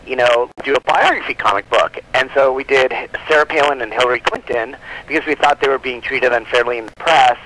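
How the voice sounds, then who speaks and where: Barely pausing, the comic book publisher talks fairly quickly in a mid-range voice that sounds pushed and bright. He's an interview guest on a noisy phone call, rambling casually and dropping fillers like "like" and "you know" throughout.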